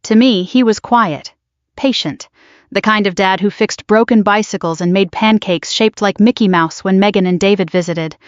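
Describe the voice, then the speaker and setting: A woman in her sixties telling a first-person story as a steady, scripted narrator. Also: mid-range voice, normal speed, no room sound. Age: 60s. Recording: dull lo-fi dry voice track.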